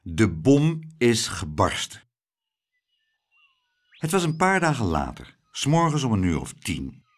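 A man reading a children's storybook aloud in an expressive, animated storytelling way. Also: fairly low pitch, unhurried, pauses often. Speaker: narrator.

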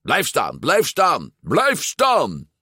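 A man reading a storybook aloud, voicing a brash, reckless teenage sea-monster boy who boasts and shouts. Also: medium pitch, big pitch swings, measured pace, no room sound, studio quality, pitched above the performer's own voice. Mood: shouting.

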